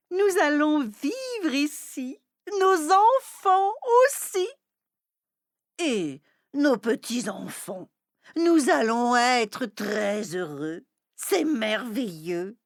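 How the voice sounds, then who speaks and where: A woman's voice: high voice, no echo, studio quality, exaggerated voice. A woman playing a delighted young wife.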